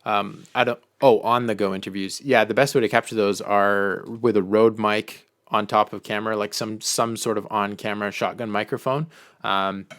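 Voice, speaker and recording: A man's voice: lowish voice, fairly even intonation, normal speed, fairly bright tone. A man hosting a casual live-stream Q&A on filmmaking, talking loosely with lots of "um" and "like" as he answers viewer questions from the chat. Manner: loose and chatty, full of "um" and "like".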